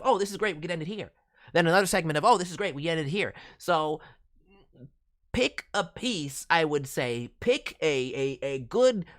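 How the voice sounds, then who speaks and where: A man with a fairly high, fairly bright voice works as a voice director reviewing demo reels. His critique is casual, enthusiastic and encouraging.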